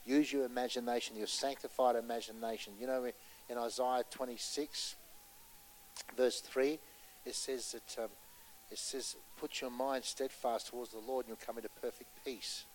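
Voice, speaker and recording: Impassioned male preacher, loud then hushed. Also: mid-range voice, fairly even intonation, moderate pace, slight background noise, low-quality recording. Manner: impassioned, swinging between loud urgency and hushed storytelling; asks the audience rhetorical questions. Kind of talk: sermon.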